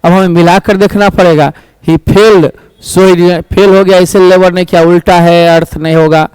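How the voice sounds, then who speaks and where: High-voiced man teaching grammar. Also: fairly even intonation, darkish tone, clear, resonant tone, no echo, low-quality recording. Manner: reads English sentences slowly, explains quickly in Hindi; addresses students as "my child". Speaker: English teacher. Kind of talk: exam-prep grammar lesson.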